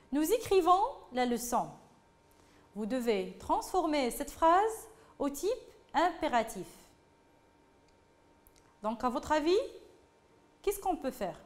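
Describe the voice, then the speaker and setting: Woman teacher, high lively voice, slow patient grammar lesson, repeats herself. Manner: slow and patient, repeats phrases, addresses pupils directly. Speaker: French teacher.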